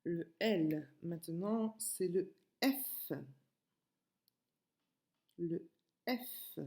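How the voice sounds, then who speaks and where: A woman teacher giving a remote phonics lesson to a young child, slowly repeating and stretching letter sounds with patience. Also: fairly low pitch, mellow. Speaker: kindergarten teacher.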